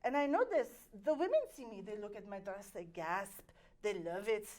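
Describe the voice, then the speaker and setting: Speaking at a normal pace in a natural, slightly mellow voice of medium pitch, a woman improvises as a conceited French-accented noblewoman. Her intonation is lively as she tells a dramatic story riddled with fillers.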